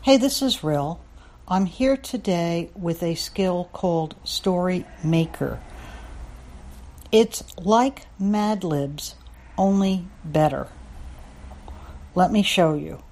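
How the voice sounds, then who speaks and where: Unhurried chatty woman reviewer. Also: on the low side, a little mellow. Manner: chatty, lightly joking. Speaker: skill reviewer. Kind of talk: casual product demo.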